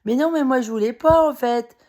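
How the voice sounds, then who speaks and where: Speaking a little fast in a high-pitched, dark-toned voice, an exhausted vlogger rambles to camera in a heated, casual monologue. She fills it with fillers, curses, and brief bursts of laughter.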